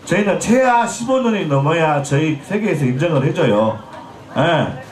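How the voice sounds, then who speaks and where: A man's voice: on the high side, expressive, normal speed. A man in his forties from Jeolla, a pumba street performer joking and teasing the crowd on an outdoor festival stage, his throat a bit scratchy. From Jeolla, Korea. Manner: joking, teasing, chatty with the audience. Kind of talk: comic stage banter with the crowd. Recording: echoey festival PA sound.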